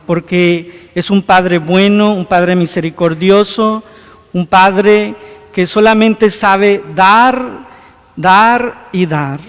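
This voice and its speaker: A man's voice: sits high, smooth. A man preaching a homily as a priest, earnest, with many rhetorical questions. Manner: earnest, rhetorical questions, acts out scripture scenes. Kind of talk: sermon. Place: church. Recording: long hall reverb.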